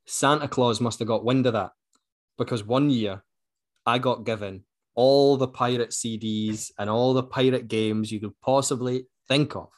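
A man's voice: medium pitch, moderate pace. Male Scottish co-host, informal conversational storyteller who dramatises reported speech. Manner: animated retelling, acts out quoted speech. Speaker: book club podcast co-host. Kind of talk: casual chat, anecdotal storytelling.

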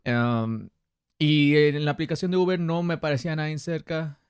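This podcast host also has a northern Mexican accent and spins casual anecdotes in street slang, performing people's quotes with lively energy. His voice runs high and clean at a normal speed, captured in studio quality with no room sound.

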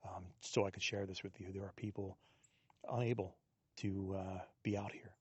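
Man, husky low voice, handheld digital recorder, dry close sound, outdoor trail walk, reflective musing. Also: level tone, normal speed, no room sound, highs cut off. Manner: musing, soft-spoken, thinking aloud. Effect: captured on a handheld digital recorder. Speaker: podcast host. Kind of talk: reflective solo monologue on a walk. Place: outdoors on a quiet wooded trail in a state park. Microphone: handheld digital recorder without windscreen.

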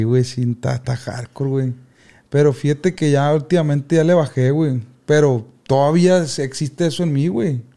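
A young man, telling childhood stories in casual podcast chat with loud outbursts. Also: a little high. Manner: animated slangy storyteller, loud outbursts. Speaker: podcast co-host.

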